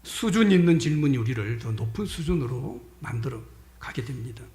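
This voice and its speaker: Animated male pastor preaching in an echoey church. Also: mid-range voice, brisk. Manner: emphatic preaching that swings between loud stresses and hushed whispers; addresses the congregation directly with rhetorical questions. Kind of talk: sermon. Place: church sanctuary during a Sunday service.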